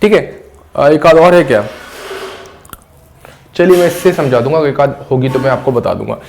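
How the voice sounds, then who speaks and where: A middle-aged man teaching an English grammar lesson. He explains slowly and repeats phrases word by word. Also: medium pitch, gravelly, darkish tone, slight background noise.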